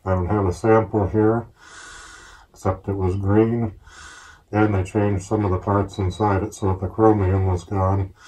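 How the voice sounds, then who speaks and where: A man speaking through a gas mask, explaining gear in a steady, plain-spoken, casual show-and-tell way. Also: fairly low pitch, unhurried, poor audio. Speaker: collector reviewing military gear.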